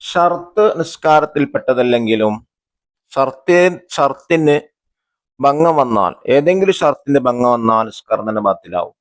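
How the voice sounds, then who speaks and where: A male religious school teacher going through a workbook chapter for students. He reads each passage, then breaks it down in a steady, mid-pitched voice. He poses questions and answers them himself, and he glosses the terms along the way. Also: moderate pace. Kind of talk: textbook lesson explanation.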